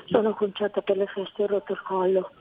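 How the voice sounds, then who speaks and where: A woman phoning in to a radio show, heard through a thin, tinny telephone line. Her voice stays fairly level and flat as she talks in halting bits, restarting phrases and repeating words before finding what she means. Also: mid-range voice, slight background noise. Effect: phoned in over a telephone line. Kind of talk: call-in chat with the host.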